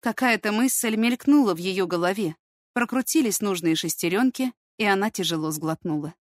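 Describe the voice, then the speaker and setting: A woman's voice: mid-range voice, expressive, normal speed, no echo. Woman reading a story aloud, dry and close. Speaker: audiobook reader. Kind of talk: first-person story narration.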